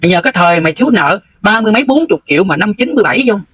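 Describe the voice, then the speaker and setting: A man's voice: sits high, sing-song, very fast, a bit bright, a little hiss or hum, rough recording. A middle-aged man with a Southern Vietnamese accent, delivering a heated, confrontational livestream rant and scolding someone bluntly. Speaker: livestream host.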